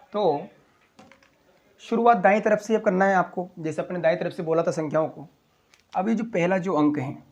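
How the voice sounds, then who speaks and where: A man teaching a school maths lesson, walking through place values slowly, step by step. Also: high-pitched, darkish tone. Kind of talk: classroom explanation.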